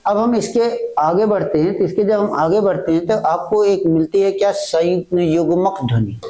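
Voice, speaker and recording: High-voiced, mellow male teacher drilling students. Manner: repeats each point with question-and-answer drilling; slow, halting delivery that restates fragments. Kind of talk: exam-prep grammar lecture.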